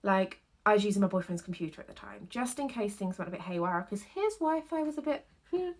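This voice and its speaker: A woman's voice: medium pitch, animated, fairly quick. A young woman, talking candidly to camera about her university year and laughing often between thoughts. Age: 20s. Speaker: university student vlogger. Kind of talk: casual talking-to-camera vlog. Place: home basement.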